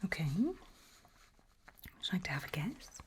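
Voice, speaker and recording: In this ASMR roleplay, a woman voices a reassuring doctor conducting a creepy memory test. Her delivery moves between a breathy whisper and very soft, low speech, and she remains calm, gentle, unhurried, encouraging and patient.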